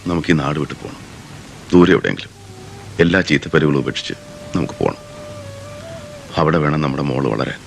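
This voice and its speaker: An actor playing a reformed gangster man now driving a taxi, answering in low, clipped lines. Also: very animated, fairly quick, gravelly, long pauses, music in the background, exaggerated voice. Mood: tender. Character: ex-gangster man turned taxi driver, defiant.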